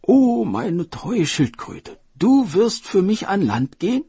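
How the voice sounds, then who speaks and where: A desperate sea dragon king, sick and frightened, his voice pushed high and loud as he begs and then barks orders, put on by a man. The tone stays husky and breathy. The sound is dry and close. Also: sing-song, takes it slowly, no room sound, heavily acted. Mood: commanding. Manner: pleading, then commanding.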